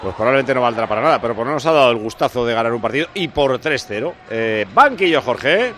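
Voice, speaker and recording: A man's voice: medium pitch, expressive, fast, a bit bright, a little hiss or hum. A man with an accent from Spain anchoring a live football radio show, bantering with reporters. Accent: Spanish from Spain.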